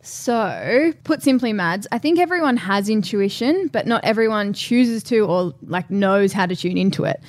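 A woman's voice: mid-range voice, animated, moderate pace, hardly any pauses, dry recording. A young adult woman chatting casually as a podcast co-host, informal and often quoting herself. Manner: informal, frequent "like" and self-quoting. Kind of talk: casual chat.

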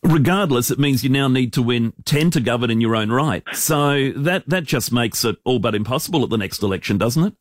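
A man's voice: medium pitch, animated, fairly quick, few pauses, no room sound, clean studio sound. A man hosting a radio show, pressing his guest with pointed, challenging questions. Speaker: radio host. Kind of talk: live radio interview.

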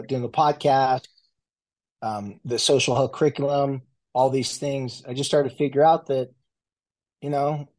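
A man in his forties, a family and marriage therapist appearing as a guest, has a medium-pitched voice with a darkish tone. His casual interview talk is loose and riddled with fillers and restarts.

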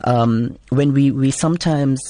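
A comedian and actor with a South African Indian accent responds to an interviewer earnestly and emphatically, in a conversational tone. His voice is medium-pitched, warm, and unhurried.

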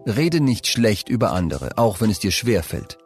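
A man narrating scripted advice for young people, speaking calmly and addressing the listener directly. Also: on the low side, normal speed, soft background music. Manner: calm, direct second-person advice.

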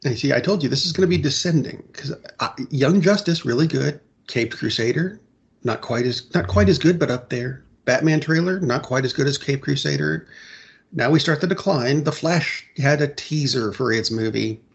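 A middle-aged man co-hosting a casual podcast, rambling and correcting himself, clearing his throat often. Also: a little high, moderate pace, lo-fi sound. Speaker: podcast co-host. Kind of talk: casual chat about comic book films and shows.

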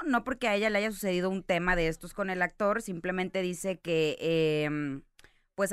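A Mexican woman running the showbiz segment of a radio show, her voice smooth and clear, mid-pitched. She fills her report with little pauses and fillers, close and dry. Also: no echo. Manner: lively, filler-laden delivery. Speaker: entertainment reporter. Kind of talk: radio entertainment news segment. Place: radio booth.

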